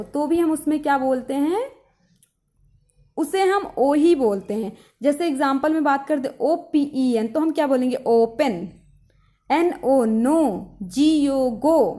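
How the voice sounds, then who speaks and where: A woman with a high-pitched voice teaches English pronunciation in a patient classroom manner. She spells out each word letter by letter and often pauses to ask her students questions. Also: darkish tone. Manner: spells out letters slowly, asks rhetorical questions. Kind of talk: explaining lesson in Hindi with English words.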